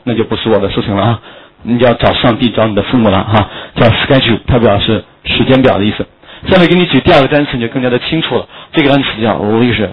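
A man teaching English vocabulary in a lively classroom lecture, full of rhetorical questions and jokey memory tricks. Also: medium pitch, breathy edge. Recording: dull lo-fi lecture recording.

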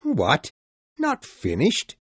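A man voicing an older British general who questions loudly and indignantly. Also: high-pitched, huge pitch swings, takes it slowly, slightly rough, no echo, voice pushed up, heavily acted. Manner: exclamatory, questioning.

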